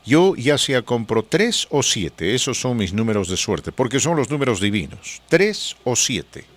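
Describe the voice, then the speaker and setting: A man's voice: mid-range voice, unhurried. A man hosting a radio talk show, chatting casually and joking with his co-host. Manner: jokey, chatty, animated. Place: radio studio.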